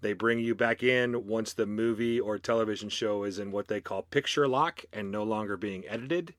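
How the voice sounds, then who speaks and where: A man's voice: fairly low pitch, normal speed, no echo, clean studio sound. A man guesting on a podcast as an actor, telling anecdotes in a casual, friendly and self-effacing way. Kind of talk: casual anecdotal interview chat.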